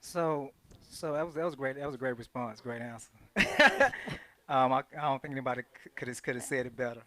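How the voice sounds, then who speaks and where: A young man co-hosting, playful and quick to laugh. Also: mid-range voice, expressive, pushed and bright, dry recording. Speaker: co-host. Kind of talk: casual chat.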